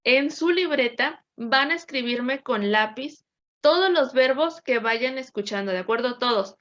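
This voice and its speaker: A woman's voice: high voice, animated, a little slow, fairly bright tone, highs cut off. A woman teacher, patiently drilling verb conjugations with her class. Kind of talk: classroom lesson.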